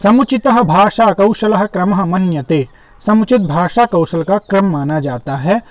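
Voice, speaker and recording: A man's voice: sits high, lively intonation, measured pace, no room sound. A man teaching an exam-prep lesson, reading each question aloud and then explaining it to viewers he calls friends. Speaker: teacher solving an exam paper. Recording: dull, dry, lo-fi recording.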